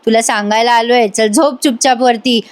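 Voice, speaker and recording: Brief: woman reading as a gloating young husband, childish and smug, slow drawn-out taunts, slightly high voice. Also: steady tone, close to an everyday voice. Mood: taunting.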